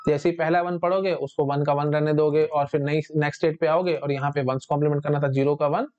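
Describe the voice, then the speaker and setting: A man teaching a rushed revision lesson, asking questions and answering them himself, with filler like "ठीक है जी". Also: on the high side, fairly even intonation, a little mellow, muffled recording. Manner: quick, repeats "ठीक है जी", asks and answers himself. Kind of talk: fast revision lecture.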